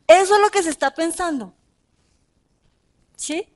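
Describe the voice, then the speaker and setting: A woman preaching a sermon, talking in an animated way with rhetorical questions and emphatic repeats. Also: very high-pitched, measured pace.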